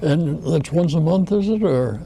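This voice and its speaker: Gravelly-voiced male interview host. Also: fairly high pitch, expressive, a little slow, a little hiss or hum. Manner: hesitant, gently stammering questions. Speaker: talk show host. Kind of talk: interview questions.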